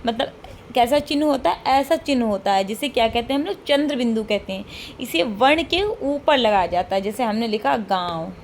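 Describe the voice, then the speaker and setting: A woman's voice: on the high side, lively intonation, normal speed, slight background noise. A woman teaching an online class, explaining step by step and repeating key points with frequent checks and rhetorical questions.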